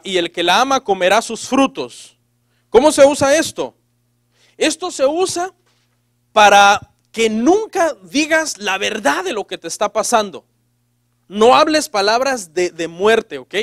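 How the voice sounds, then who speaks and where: A man's voice: sits high, lively intonation, measured pace, fairly bright tone, no echo, clean studio sound. A man preaching a sermon as pastor in a sarcastic, joking manner, acting out the people he quotes in changing voices.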